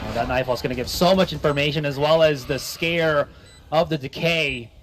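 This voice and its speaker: A man breaking down esports plays in a chatty, playful tone, his voice sitting slightly high. There is a faint hiss of noise behind him. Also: moderate pace. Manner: chatty, playful, acts out quotes. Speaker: esports color commentator. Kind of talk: analytical color commentary.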